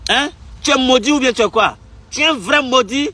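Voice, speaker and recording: A man's voice: very high-pitched, fairly quick. A young man from Togo, delivering an angry political rant straight to camera. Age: young adult. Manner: furious, insulting, repetitive, shouting bursts. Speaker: activist vlogger.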